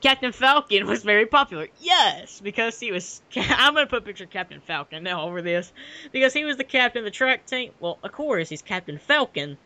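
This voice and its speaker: An excitable young man doing a comic read-aloud. His pitch jumps around in a lively way and his voice is bright and forceful. He is giggly and keeps stepping out of the text to riff. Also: brisk. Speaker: co-reader of a dramatic fan fiction reading. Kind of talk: casual comic read-aloud with ad-libbed commentary.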